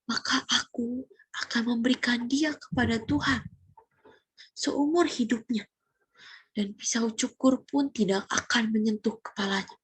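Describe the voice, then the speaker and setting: A woman's voice: on the high side, breathy edge, dry recording. A woman voicing tearful pleading Hana. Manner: pleading, earnest.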